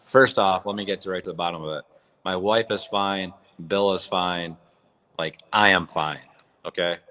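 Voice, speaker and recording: Low-voiced man echoing in a barn. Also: fairly even intonation, moderate pace, sharp tone. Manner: raw, blunt, rambling. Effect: echoey barn sound. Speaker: livestream host. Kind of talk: casual livestream chat. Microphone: phone or app mic.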